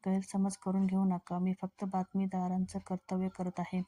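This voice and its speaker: A woman's voice: medium pitch, monotone, normal speed, warm tone, close to an everyday voice. A woman reading a needling male reporter. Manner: needling, mock-polite questions.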